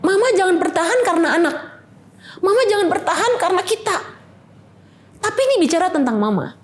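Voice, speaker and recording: A woman's voice: very high-pitched, very animated, fast talker, pitched above the performer's own voice. A woman voicing her older child, urgently pleading with the mother to leave.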